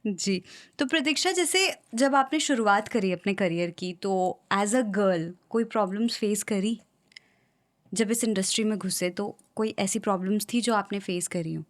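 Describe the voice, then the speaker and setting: A woman's voice: mid-range voice, unhurried. A woman hosting an interview, asking questions in a friendly, chatty way. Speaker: podcast host, interviewer. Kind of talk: casual interview conversation.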